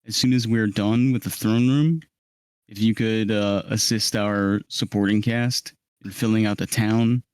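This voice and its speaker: Brief: low-voiced man running a live tabletop game, steady directions, dry close sound. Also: a little slow, smooth, no echo. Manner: calm, directive, frequent ums. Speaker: game master. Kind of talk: briefing players for a live tabletop role-play. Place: live stream.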